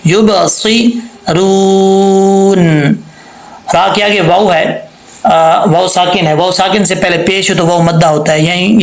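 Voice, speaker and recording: A man with a fairly high, gravelly voice gives a patient recitation lesson, spelling out each letter and vowel mark before stretching the word out slowly. He quizzes the listener and answers himself. The room around him is echoey. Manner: asks and answers his own quiz questions. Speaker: Quran recitation teacher. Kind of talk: tajweed lesson with slow demonstrations.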